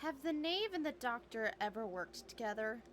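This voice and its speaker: A woman's voice: fairly high pitch, very animated, moderate pace, a bit bright, slight background noise. A woman streaming a game live, giving casual reaction commentary over the game's audio.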